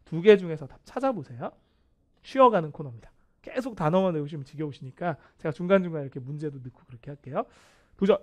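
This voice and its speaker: Guy teaching english vocab on video, kinda high voice, jokes at himself a lot. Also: fast. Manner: animated, playful and self-mocking. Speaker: English test instructor.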